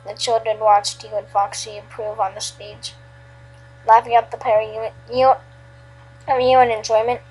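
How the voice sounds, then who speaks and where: A woman's voice: a little high, little pitch movement, normal speed, darkish tone, husky, poor audio. A woman reading a second-person fan fiction story aloud, often stumbling and restarting. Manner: unscripted-sounding, frequent restarts. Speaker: story reader.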